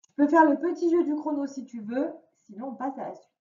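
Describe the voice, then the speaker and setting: Primary teacher, woman, fairly high voice, patient and careful, taped in an echoey room. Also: animated, dark tone. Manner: slow, patient, clearly articulated instructions. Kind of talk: remote reading lesson for a young child. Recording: roomy, distant, dull lo-fi sound.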